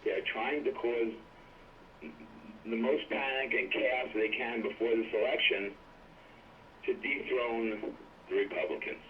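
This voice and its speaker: A man's voice: medium pitch, steady tone, a little slow, pauses often, a little hiss or hum. A man calling in to a talk show on a speakerphone, earnestly arguing his point with hesitant restarts. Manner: earnest, hesitant political argument. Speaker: caller. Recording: tinny distant speakerphone line.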